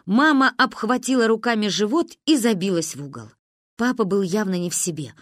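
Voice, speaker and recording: A woman narrating a family story aloud, acting out the quoted lines of the family members with big jumps in pitch. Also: lively intonation, a little fast, no room sound, studio quality. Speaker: audiobook narrator. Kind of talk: scripted narration with voiced dialogue.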